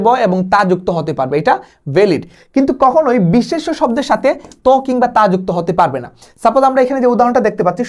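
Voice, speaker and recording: Young male tutor, fast-paced exam-prep lecture, explanatory, peppered with English words. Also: high-pitched, a little mellow. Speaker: admission test tutor.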